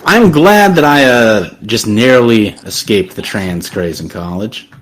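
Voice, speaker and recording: A man's voice: lowish voice, expressive, a little slow, low-quality recording. A man in his twenties chatting casually, with wry, offhand comments. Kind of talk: casual group chat.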